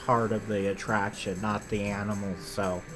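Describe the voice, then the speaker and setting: Bright-voiced chatty male podcast host. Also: on the low side, level tone, normal speed, faint music behind. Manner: chatty, rambling, self-correcting. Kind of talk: casual chat about theme park attractions.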